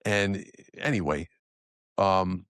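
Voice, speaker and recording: A man's voice: sits low, slow, fairly bright tone, smooth, no room sound, studio quality. A man in his thirties hosting a solo podcast, talking conversationally with frequent restarts and asides. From New Jersey area. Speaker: podcast host.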